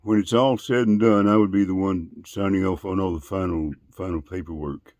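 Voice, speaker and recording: A man in casual phone conversation, asking questions in a polite, deliberate, long-winded way. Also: deep voice, fairly even intonation, darkish tone, dry recording, clean studio sound. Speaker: call recipient.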